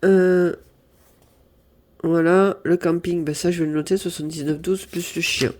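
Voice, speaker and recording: A woman's voice: lowish voice, steady tone, measured pace, darkish tone. Stuffy-nosed woman mumbling through her budget. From southern France. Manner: rambling, apologetic, thinking aloud over sums. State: stuffy nose from a cold. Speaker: budget vlogger. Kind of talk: casual budget diary chat. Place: apartment at home.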